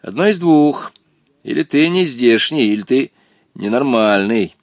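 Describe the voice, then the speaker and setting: A stubborn street boy who fires off sharp, mocking challenges, as a man plays him. The voice jumps high and swings widely from word to word, recorded close and dry. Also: expressive, a little slow, dry recording.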